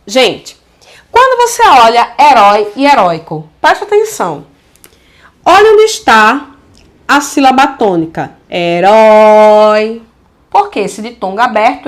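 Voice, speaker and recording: A Brazilian woman teaching a casual video grammar lesson, affectionate and lively, often checking in with her students and drawing out example words slowly. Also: high voice. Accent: Brazilian Portuguese.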